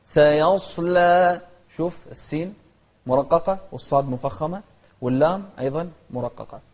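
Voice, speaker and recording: A man teaching Quranic recitation to children, modeling each verse slowly, correcting mistakes and repeating. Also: fairly high pitch, darkish tone. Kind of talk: tajweed lesson with modeled recitation. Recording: dull lo-fi recording.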